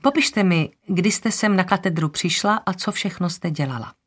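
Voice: medium pitch, fairly bright tone, husky. A narrator voicing a businesslike woman lawyer investigating a death, giving polite orders. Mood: patient. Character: brisk woman investigator, lawyer, matter-of-fact.

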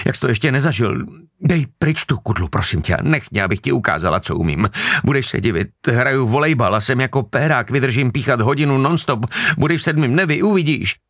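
A man's voice: mid-range voice, fairly bright tone, no room sound, studio quality, voice pushed up. A man voicing a terrified young woman who pleads desperately with her captor in an audiobook. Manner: desperate, wheedling, breathless pleading. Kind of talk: audiobook character voice.

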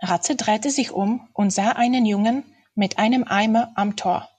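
A woman reads a children's fairy-tale novel aloud at an unhurried pace. Her delivery is deliberate and steady, in a storytelling manner. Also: medium pitch, breathy edge. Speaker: reader. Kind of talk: audiobook-style reading of a children's novel.

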